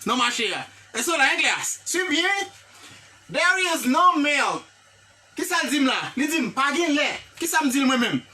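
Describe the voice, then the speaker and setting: High bright Haitian-accented English teacher. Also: moderate pace, few pauses, far from the mic. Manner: animated, repetitive, checks in with "hein?" and "vous comprenez?"; praises viewers by name. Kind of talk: live online English lesson.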